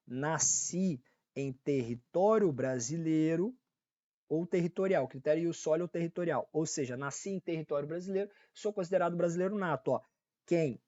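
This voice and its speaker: Here a law teacher speaks in a fairly high, darkish voice, the audio dull and free of echo. His Brazilian Portuguese accent marks a casual online exam-prep lecture in which he repeats key points, checks in with listeners and fixes his own slips.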